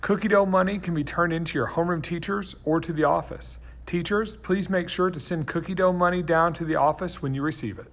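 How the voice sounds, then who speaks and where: Man, school announcer, slightly higher voice, upbeat, clear scripted reading. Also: a little fast, hardly any pauses, loud music behind the voice.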